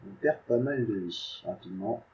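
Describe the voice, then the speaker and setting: Laid-back gamer, mellow low voice. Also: male voice, normal speed, muffled recording, slight background noise. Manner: chatty, self-mocking, mutters to himself. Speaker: gaming YouTuber. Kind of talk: casual gameplay commentary.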